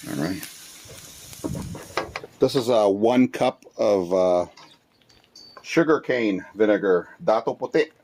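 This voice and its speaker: Wind sweeps his front patio as a Philippine-born man in his forties, who hosts a cooking channel, chats casually through a cooking vlog at a fairly low pitch. Relaxed and talkative, he uses lots of "uh" fillers and Tagalog phrases. A phone with Bluetooth earbuds captures noisy outdoor audio, with sizzling and stirring in a wok.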